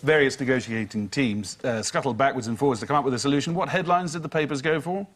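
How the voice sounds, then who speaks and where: A man's voice: medium pitch, fast talker. A man presenting a comedy news quiz as host, reading scripted lines. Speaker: panel show host. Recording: clearly noisy studio recording.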